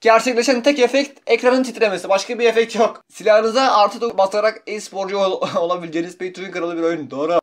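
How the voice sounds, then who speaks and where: Brief: male gamer, high voice, rapid-fire profane rant over gameplay, sarcastic toward the game. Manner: talks to viewers as "beyler". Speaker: gaming video creator. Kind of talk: live gameplay commentary.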